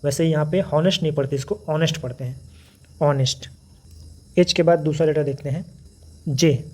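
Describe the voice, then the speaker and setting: A man walks beginners through English letter sounds in a patient teaching tone, saying each example word slowly and often twice. His voice sits a little high but sounds mellow and soft. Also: fairly even intonation. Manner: patient, explanatory, repeats example words slowly. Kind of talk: phonics lesson.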